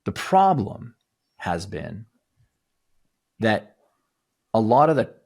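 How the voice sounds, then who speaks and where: Husky-voiced man coaching emphatically. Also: on the low side, very animated, slow. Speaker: guest, mindset coach to athletes. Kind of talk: conversational podcast interview.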